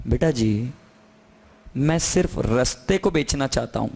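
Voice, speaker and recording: A man's voice: medium pitch, unhurried, creaky, husky. A man teaching an accounting class, lecturing in a classroom and constantly asking his students questions. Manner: lively, coaxing questions to students.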